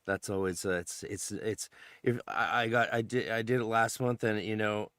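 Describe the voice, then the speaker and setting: A man co-hosting a casual podcast roundtable who speaks hesitantly, with many fillers and restarts and a gentle humor. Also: lowish voice, steady tone, normal speed, no room sound, studio quality. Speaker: podcast co-host.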